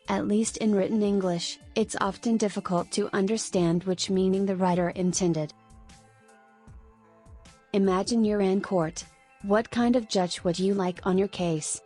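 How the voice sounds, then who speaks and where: A woman giving a scripted explainer on tricky words, clear and lightly playful. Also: mid-range voice, darkish tone. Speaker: narrator. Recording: faint background music.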